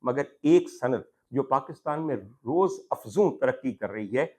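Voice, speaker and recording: Animated and measured in pace, a man with a mid-range, somewhat mellow voice and a Pakistani accent hosts a talk show. Addressing the camera formally, he offers an opinion monologue on social issues, leaning on rhetorical questions and emphatic repetition.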